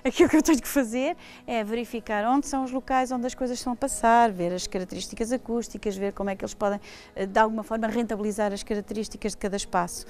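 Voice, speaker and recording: A woman's voice: a little high, fairly even intonation, fast talker, darkish tone. Earnest woman speaking in an interview. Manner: earnest, emphatic about art's purpose.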